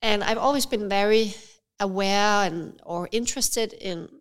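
A Danish woman with a cold speaks in a smooth, slightly stuffy voice at medium pitch and a little slowly. She owns a cafe and a yoga studio and is a guest in a casual interview, answering thoughtfully and hesitantly with frequent fillers.

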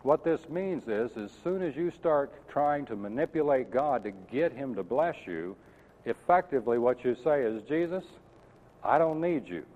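A man's voice: medium pitch, lively intonation, normal speed, darkish tone. A man preaches with earnest emphasis, pressing his listeners with questions as he teaches. His voice sits in a middle register. The recording is thin and phone-like, with a long reverb trailing off the hall. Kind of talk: sermon. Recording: tinny lo-fi sound in a reverberant hall.

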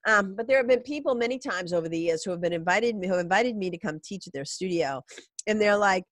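A woman's voice: mid-range voice, animated, fairly quick, dry recording. A middle-aged woman with a congested, nasal voice from a cold, hosting a podcast in an informal, rambling, emphatic monologue. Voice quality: stuffy, nasal. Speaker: podcast host. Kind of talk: casual solo podcast monologue.

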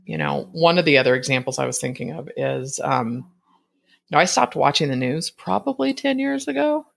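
A woman in her fifties hosting a podcast, talking through a personal reflection quickly and a bit mumbled, laughing often. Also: low voice, lively intonation, vocal fry. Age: 50s. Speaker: podcast host.

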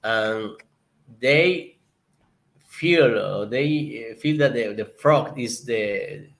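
A Colombian man with a Colombian Spanish accent is a guest in an interview, speaking as a member of a conservation project. His medium-pitched, creaky, slightly bright voice draws words out, and he often stops and restarts while searching for words.

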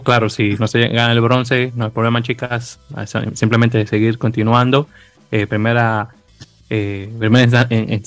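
A man's voice: on the low side, no echo. A man hosting a sports podcast in casual chat, rambling with many hesitations and restarts. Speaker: podcast host.

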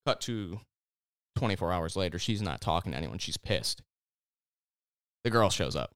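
A man with a lowish, smooth and resonant voice chatting casually with friends. He walks through a story in a loose, rambling way, full of "like" and restarts. The sound is close and dry. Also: expressive, normal speed, a bit bright, dry recording. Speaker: podcast host recapping a TV series. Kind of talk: casual chat.

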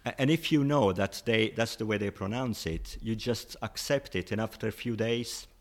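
Low-voiced man patiently explaining languages. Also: moderate pace. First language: not English. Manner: patient, explains with examples, chuckles often. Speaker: interview guest explaining languages. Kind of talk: casual explanatory chat.

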